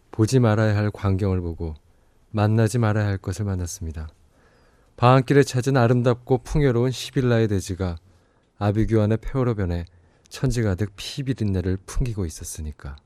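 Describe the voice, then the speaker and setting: Low-voiced solemn male fantasy storyteller. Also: normal speed, darkish tone, dry recording, close to an everyday voice. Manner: solemn, dramatic. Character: grave storyteller of a dark fantasy tale. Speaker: narrator. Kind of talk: scripted radio drama narration.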